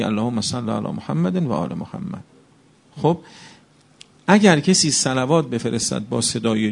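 A man's voice: medium pitch, gravelly, a little mellow. A man preaching a religious sermon, speaking with passion and firing off rhetorical questions to the congregation.

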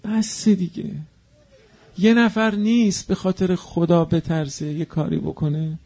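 A man preaching a mourning sermon, moving between quiet narration and chanted, wailing cries. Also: sits high, level tone.

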